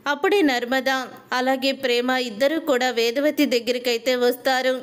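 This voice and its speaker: A woman's voice: high voice, steady tone, moderate pace. A woman casually retelling a TV serial episode, reading out the characters' dialogue in her own plain storytelling voice. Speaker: serial recap narrator.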